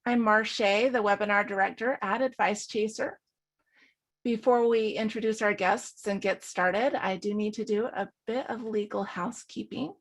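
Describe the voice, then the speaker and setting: A woman's voice: mid-range voice, steady tone, normal speed. A woman hosting a webinar, reading formal legal housekeeping and a guest introduction from a script, with a few slips and restarts. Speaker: webinar director and host.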